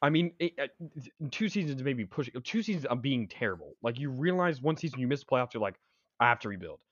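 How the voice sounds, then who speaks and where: A man's voice: mid-range voice, expressive, fast, no room sound. A young man co-hosting a casual sports podcast, rambling with stuttering restarts and strong opinions. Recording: dry, dull lo-fi sound.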